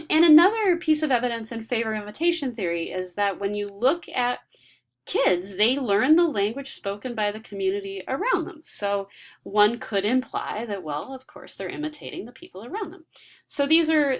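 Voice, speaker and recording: A woman's voice: mid-range voice, big pitch swings, moderate pace. A woman giving a recorded lecture, explaining ideas step by step with frequent ums and restarts.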